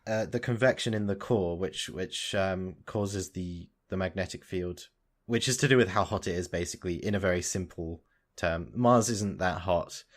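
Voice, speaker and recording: In casual podcast chat, a young male co-host breaks down science news, thinking aloud and restarting many times. He speaks at a moderate pace in a low-pitched voice.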